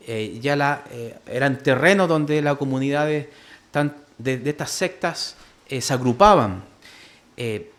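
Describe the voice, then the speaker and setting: A man with a Chilean Spanish accent teaching a church history class, full of fillers, who keeps asking "¿cierto?" and calls his listeners "hermano". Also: on the high side. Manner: many fillers, asks "¿cierto?" often, addresses listeners as "hermano".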